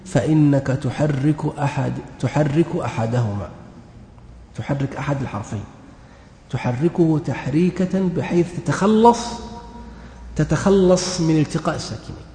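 A man's voice: fairly high pitch, mellow, a little hiss or hum. A man teaching an Arabic grammar lesson, explaining step by step and quizzing his students with questions. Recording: echoey hall with long reverb.

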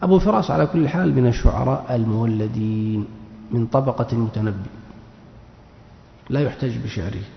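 A gravelly-voiced man giving a grammar lesson, reading a passage slowly before he explains it. His voice carries a long echo, as if he is in a large hall. The recording sounds dull and lo-fi. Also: medium pitch, a little hiss or hum. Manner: reads text aloud slowly, then explains. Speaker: teacher of Arabic grammar. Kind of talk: classical Arabic grammar lesson.

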